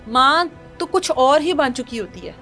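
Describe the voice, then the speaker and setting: Faint music plays behind a Pakistani news presenter whose voice sits high, sounding animated, pushed and bright. She gives an emotional retelling of a crime case, moralizing indignantly and performing the quotes herself.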